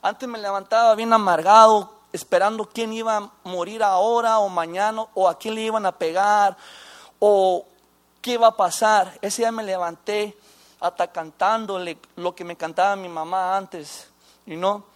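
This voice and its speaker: High-voiced man, halting testimony. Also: fairly even intonation. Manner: halting, with restarts and mixing in English phrases. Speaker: former inmate giving testimony. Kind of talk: personal faith testimony.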